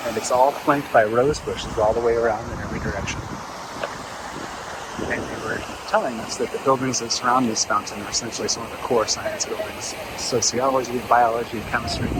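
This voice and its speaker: A man's voice: medium pitch, fairly even intonation, fairly quick. Man giving casual walking tour, noisy outdoors. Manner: enthusiastic, offhand, unsure of details. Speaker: visitor filming a walking campus tour. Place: outdoors walking, some indoor stretches. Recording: outdoor urban noise, traffic ambience.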